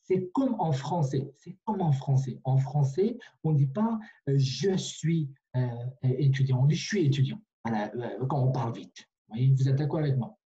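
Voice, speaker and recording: A man's voice: medium pitch, expressive, moderate pace, few pauses, warm tone, muffled recording. A man teaching a language online in a patient way, repeating himself with many fillers and restarts, over a video call.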